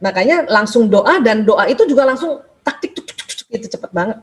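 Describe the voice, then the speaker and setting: Animated woman doctor explaining gently. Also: on the high side, fairly quick. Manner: animated, acts out little prayers in a lively voice. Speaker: doctor and guest speaker. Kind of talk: casual spiritual self-help talk.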